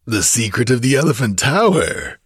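A man's voice: medium pitch, sing-song, moderate pace, husky, no room sound, studio quality, voice pushed up. A man voicing a fat, gross, boastful male kidnapper who bellows bawdy, self-important talk in a storybook reading. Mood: scornful.

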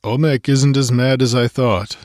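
A man voicing a grim barbarian warrior, murmuring gruffly. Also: mid-range voice, fairly even intonation, unhurried, darkish tone, no echo, studio quality, pitched above the performer's own voice, natural voice.

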